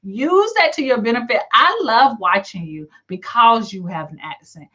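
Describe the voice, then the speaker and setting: On a lo-fi, dull-sounding livestream, a middle-aged Southern US woman with a country accent reads live comments and chats in an encouraging, folksy, colloquial way. Her voice sits on the high side, bright and forceful, with lively intonation at a moderate pace.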